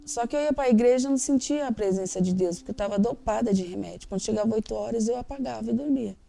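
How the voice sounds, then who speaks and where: A woman's voice: a little high, fast, creaky, mellow, soft background music. A Brazilian Portuguese-speaking woman giving an emotional, candid personal testimony in an interview, acting out the dialogue she quotes.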